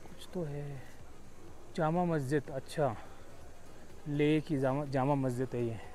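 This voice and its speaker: Strolling through a crowded town market, a young man vlogs casually into a clip-on mic, chatting away and dropping in English words. He's a travel vlogger whose slightly high voice is warm and steady, delivered at a slow pace. A little hiss or hum sits under the recording.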